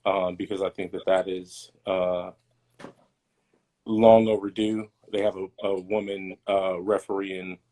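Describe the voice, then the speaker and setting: A man's voice: sits low, level tone, a little slow, warm tone. A man co-hosting a podcast livestream, talking in a laid-back, rambling way with lots of ums. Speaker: podcast co-host. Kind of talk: casual livestream chat.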